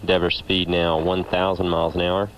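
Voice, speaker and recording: A man reporting as a mission control commentator in a measured, factual way. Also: low voice, monotone. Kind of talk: flight commentary. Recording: faintly noisy mission control feed.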